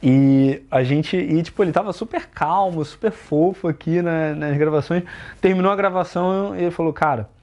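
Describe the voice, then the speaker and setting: A young man hosting a casual podcast chat about dating, animated, swinging his loudness and pitch, swearing for emphasis. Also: normal speed, lo-fi sound. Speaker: dating coach and host.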